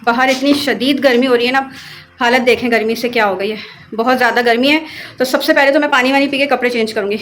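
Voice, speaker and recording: A young woman vlogging in a casual, chatty way, telling family stories and turning soft and wistful when she remembers. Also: a little high, steady tone, quick pace, music in the background. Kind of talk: casual vlog chat.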